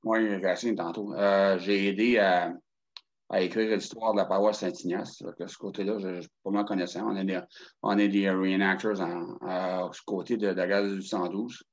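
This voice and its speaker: Guy on a call, lowish voice, stumbles and restarts a lot, muffled sound. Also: little pitch movement, normal speed. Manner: hesitant, many restarts. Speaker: webinar participant. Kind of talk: casual chat. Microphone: video call.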